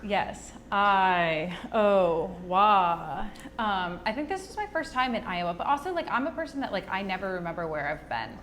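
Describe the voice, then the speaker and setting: A woman co-hosting a podcast in casual chat, upbeat and quick with short affirmations. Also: medium pitch, sing-song, fairly bright tone, slight background noise. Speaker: podcast co-host.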